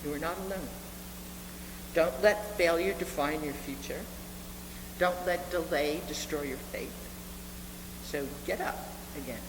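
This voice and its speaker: A deep-voiced woman in her seventies preaches as a reverend, earnest and measured, repeating phrases to drive them home. She speaks into a live microphone in a reverberant hall full of congregants, where the room is noisy and hums.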